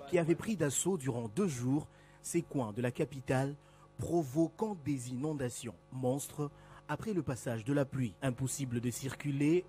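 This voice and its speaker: A man with a Congolese French accent reads a news report with emphasis. His voice sits somewhat high. Soft music plays under the narration. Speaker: field reporter. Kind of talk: scripted report voice-over.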